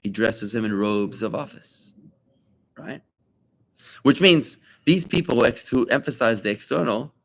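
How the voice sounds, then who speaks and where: Animated male rabbi teaching Talmud. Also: fairly low pitch. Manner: animated, asks rhetorical questions, repeats key lines for emphasis. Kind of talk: lively classroom teaching. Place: study room with students.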